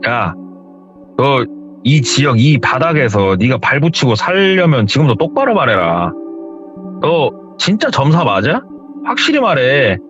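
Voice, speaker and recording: A man's voice: medium pitch, very animated, measured pace, a bit bright. A man voicing a hot-tempered young male gangster's son who talks in a threatening, swaggering way. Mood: menacing. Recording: dull lo-fi audio with music.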